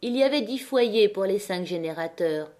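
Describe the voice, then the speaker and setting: A woman narrating an audiobook of a classic novel in a measured, dramatic reading. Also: mid-range voice, expressive, a little mellow. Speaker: audiobook reader.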